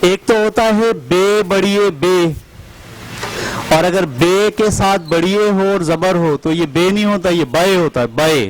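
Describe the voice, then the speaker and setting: Slow, high-voiced man teaching pronunciation. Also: a little hiss or hum, low-quality recording. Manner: slow, drills sounds by spelling them out and repeating. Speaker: teacher trainer. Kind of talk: classroom instruction.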